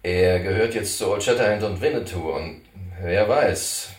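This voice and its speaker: A man voicing a cautious, suspicious oil prince who speaks slowly and hesitantly, in a storybook reading. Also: low voice, lightly acted. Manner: slow, hesitant. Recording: roomy, distant mic.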